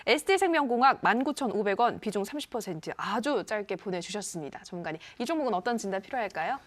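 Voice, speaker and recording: A woman's voice: medium pitch, expressive, quick pace. A woman hosting a stock consultation show, politely summarizing advice and reading out viewers' text messages. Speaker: show host.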